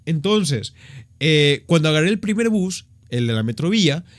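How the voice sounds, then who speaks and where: A young man in his twenties with an Ecuadorian accent, telling a story on his vlog in a slangy, profane, animated way. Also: fairly high pitch, moderate pace, dry recording. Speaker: vlogger.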